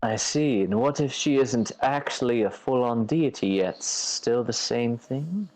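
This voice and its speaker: A man's voice: medium pitch, expressive, measured pace, darkish tone, poor audio. A man hosting a tabletop role-play and playing his character, speaking politely and inquisitively. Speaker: host and player.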